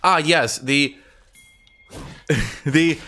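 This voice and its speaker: Young male streamer, sarcastic casual chat, bright edgy voice. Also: fairly high pitch, extremely slow. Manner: sarcastic, mocking, swears freely. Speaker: game streamer. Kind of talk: casual live-stream commentary.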